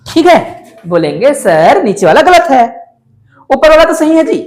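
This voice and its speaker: A man's voice: very high-pitched, big pitch swings, normal speed. Male maths teacher, classroom lecture, keeps quizzing and coaxing the students. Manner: coaxing, questions students often. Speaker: math teacher.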